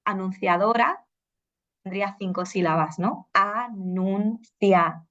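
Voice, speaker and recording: A woman's voice: mid-range voice, measured pace. A woman giving a talk as a language teacher, explaining at an easy pace with many "eh" fillers and questioning "¿no?" tags. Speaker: Spanish teacher presenting. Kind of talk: conference talk with slides. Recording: dull lo-fi recording.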